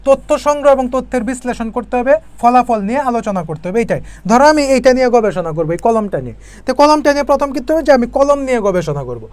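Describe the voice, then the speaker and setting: Fast-talking woman teacher. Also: fairly high pitch, expressive, a little mellow. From Bangladesh. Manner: explains step by step, keeps asking students rhetorical questions. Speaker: chemistry teacher. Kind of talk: online exam-prep lesson.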